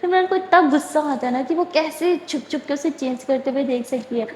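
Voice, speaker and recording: A high-voiced woman narrates a love story in a loose, chatty manner, often dropping in the filler "نا". The room is roomy with a long reverb, and there is a faint ambient hiss behind her. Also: a little mellow.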